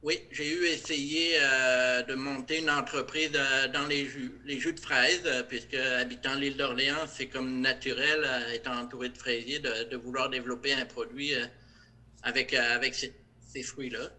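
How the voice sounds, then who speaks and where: A middle-aged man from France, with a French accent that has drifted toward Québécois. His voice has a sharp, bright edge. He talks casually and hesitantly, full of fillers and restarts. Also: medium pitch, level tone, normal speed. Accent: light French accent, partly Québécois. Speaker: interview guest, production director. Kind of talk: casual interview.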